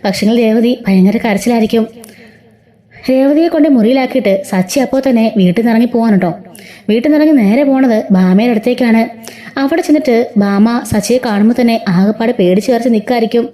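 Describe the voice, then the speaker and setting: A chatty woman storyteller casually recapping a TV serial episode. She talks very fast with a mellow, darkish tone. Her voice sits a little high for a woman. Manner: chatty, tags lines with a friendly "tto". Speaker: YouTube storyteller.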